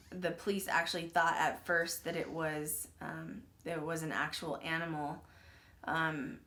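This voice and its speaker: On her paranormal podcast, a woman with a lowish, somewhat bright voice recounts a grim case in a casual true-crime style. She rambles, says "like" and "um" constantly, and keeps clearing her throat while mentioning she's losing her voice. She sounds uneasy and apologizes for the dark subject.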